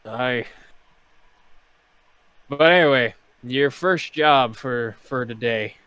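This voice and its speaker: Casual male game master, mid pitch. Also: takes it slowly, a bit bright, smooth, no room sound. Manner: casual, hesitant with many fillers. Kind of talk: narrating a tabletop game.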